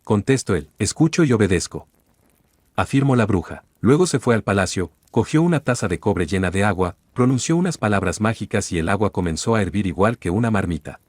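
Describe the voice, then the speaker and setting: Low-voiced man reading a storybook tale. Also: expressive, brisk, hardly any pauses, no room sound, studio quality.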